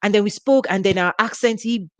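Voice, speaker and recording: In a casual teaching talk for her ministry, a Nigerian-accented woman chats along, restarting frequently and laughing. She speaks fairly quickly in a clear, resonant, mid-range voice, with no echo.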